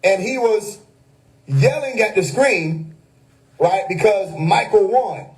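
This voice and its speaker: High-voiced man preaching hidden meanings. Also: animated, slow, low-quality recording. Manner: preachy, conspiratorial, wordplay, laughs often. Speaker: livestream host. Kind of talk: casual livestream monologue. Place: home.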